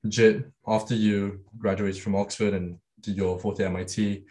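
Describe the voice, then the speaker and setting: A man's voice: lowish voice, level tone, normal speed, darkish tone. A man hosting a podcast, reading a formal guest introduction and then asking brief questions. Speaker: podcast host. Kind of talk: podcast interview.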